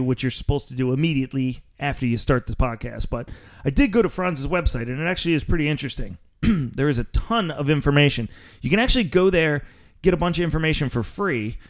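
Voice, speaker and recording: A man with a Philadelphia accent hosting a podcast in a brash, sarcastic, profane monologue, laughing at his own jokes. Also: medium pitch. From Philadelphia area. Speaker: podcast host.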